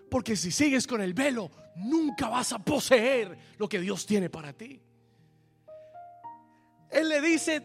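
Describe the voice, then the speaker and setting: High-pitched, fervent preaching pastor. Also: male voice. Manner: fervent preaching with call-and-response, echoing lines in English. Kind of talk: sermon.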